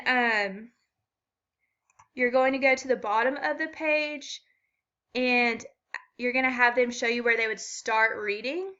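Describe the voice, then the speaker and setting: A woman's voice: on the high side, bright, forceful tone, clean tone, lo-fi sound. A woman walking through a children's reading assessment step by step, with frequent ums. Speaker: student teacher explaining an assessment.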